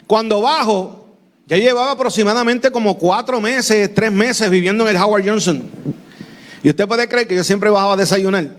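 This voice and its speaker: A man preaching his testimony as a pastor, with a Puerto Rican accent, growing fervent and breaking into shouts. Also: sits high, moderate pace. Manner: addresses listeners as "mi amado" and "iglesia".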